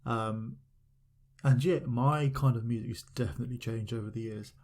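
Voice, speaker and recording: A man's voice: mid-range voice, fairly even intonation, normal speed, darkish tone. A young man hosting a podcast, rambling casually with lots of fillers as he talks. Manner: rambling, filler-heavy, loose storytelling. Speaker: podcast host. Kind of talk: casual solo podcast chat.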